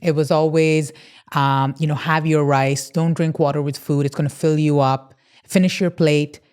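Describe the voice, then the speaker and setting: A woman who grew up between Dubai and Toronto, Canada, is a guest on a podcast, where she works as an emotional eating coach. Her low, level voice is dark, clear and resonant, at a moderate pace. She's earnest and open in the casual interview, often using "yeah" and "you know."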